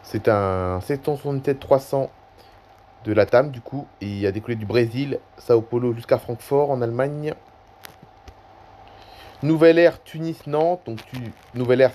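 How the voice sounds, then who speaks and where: A man's voice: medium pitch, darkish tone, a little hiss or hum. Rambling man narrating his screen. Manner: rambling, hesitant, self-correcting. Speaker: YouTuber. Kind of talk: casual screen-recording commentary.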